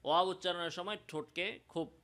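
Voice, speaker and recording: A man with a Bangladeshi Bengali accent teaching Quran pronunciation, explaining slowly and demonstrating sounds in drawn-out chanted examples. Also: sits high, steady tone, pushed and bright. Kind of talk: recitation lesson.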